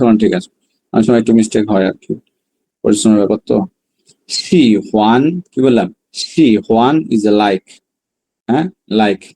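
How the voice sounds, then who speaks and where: A man from Bangladesh with a dark, mellow, mid-range voice teaches Chinese in an online class. He sounds out each word slowly and repeats it several times, then breaks into fast bursts of explanation between drills.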